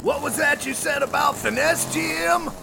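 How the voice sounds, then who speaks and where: Squeaky cheeky sidekick, gravelly edge, noisy background. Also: male voice, moderate pace, heavily acted. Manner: high squeaky complaining voice. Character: squeaky dim male henchman, whiny and cheeky.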